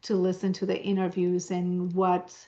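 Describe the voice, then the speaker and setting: A woman's voice: on the low side, monotone, normal speed, mellow. A woman from Spain, interviewing in casual chat, rambling and enthusiastic. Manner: rambling, enthusiastic, restarts often. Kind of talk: casual conversation. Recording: slightly dull lo-fi sound.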